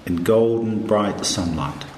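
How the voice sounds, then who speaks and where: A man leads a guided meditation in a low voice, calm and hushed. He speaks very slowly, leaving long pauses between short phrases. The recording is echoey, with a faint hiss behind him. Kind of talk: slow guided meditation narration.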